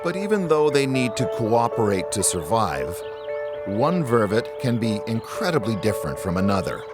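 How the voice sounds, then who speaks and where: A man's voice: fairly low pitch, very animated, normal speed, loud music behind the voice. A man narrating a nature documentary from a script.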